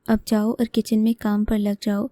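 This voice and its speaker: A woman's voice: medium pitch, monotone, mellow, no echo, natural voice. A woman reading as a harsh scornful mother-in-law. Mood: scolding. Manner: scolding, contemptuous. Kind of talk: storytelling.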